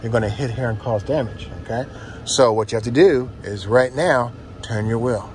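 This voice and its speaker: A man with a mid-pitched voice gives a driving lesson as the instructor. He speaks in short, directive commands and repeats them. The recording has clear vehicle noise around him. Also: moderate pace, a little mellow. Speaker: driving instructor, teaching a learner. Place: inside a parked or slowly moving van. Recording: noisy inside a vehicle.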